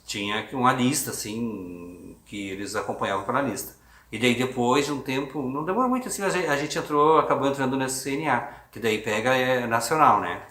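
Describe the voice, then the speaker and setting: A man's voice: medium pitch, a little fast, bright, forceful tone. A man, an adoptive father telling his story in a hesitant documentary interview with many restarts. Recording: echoey room on a phone.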